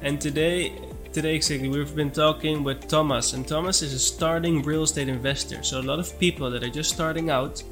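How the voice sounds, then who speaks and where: A man's voice: fairly high pitch, fairly even intonation, fairly quick, music in the background. A man hosting a real estate podcast, upbeat and friendly as he introduces a guest. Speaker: podcast host.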